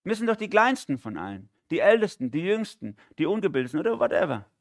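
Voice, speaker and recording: A man's voice: sits high, sing-song, quick pace, gravelly, dry recording, studio quality, voice pushed up, exaggerated voice. A man voicing an anxious, discouraged churchgoer who keeps asking what someone so small could ever do. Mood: fretful. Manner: fretful, complaining rhetorical questions.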